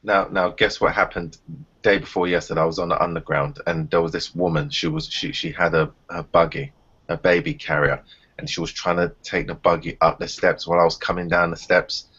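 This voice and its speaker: A man's voice: low voice, fairly quick, slightly rough, lo-fi sound. A man telling blunt, profane stories in a casual group chat over a video call. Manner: animated storytelling, blunt and profane. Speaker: round table regular.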